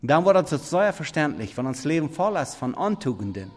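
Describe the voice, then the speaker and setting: A man preaching a sermon in halting, non-standard German, swinging between loud emphatic scripture reading and quiet murmured asides. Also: a little high, sing-song. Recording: long reverb of a big hall.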